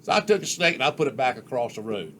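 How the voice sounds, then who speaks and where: An older man spins childhood yarns in a relaxed, folksy way. His voice sits in a middle pitch, with faint ambient noise behind him. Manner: folksy, unhurried yarn-spinning with rural Southern US speech. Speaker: storyteller. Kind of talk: casual storytelling.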